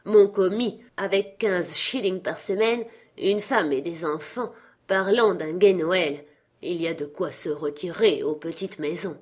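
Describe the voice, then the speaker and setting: A woman's voice: lowish voice, measured pace, husky. A grumpy, miserly old man who speaks in curt, scolding phrases, as a woman reader puts him on. His words come out a little raised and pushed harder than plain talk. It is an audiobook reading. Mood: sneering.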